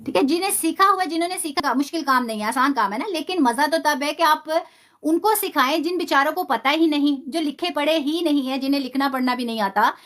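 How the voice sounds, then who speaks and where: A woman teaching a live online Quran tajweed class, patiently repeating terms and slowly drawing out the sounds of examples, with English words mixed into her explanation. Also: high voice, a bit bright. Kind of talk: live-streamed online lesson.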